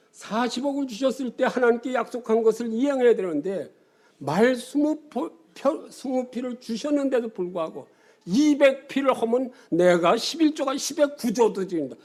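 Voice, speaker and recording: Older man, pastor, sermon, high pitch, warm mellow tone, animated storytelling. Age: 70s. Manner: animated storytelling with sudden drops.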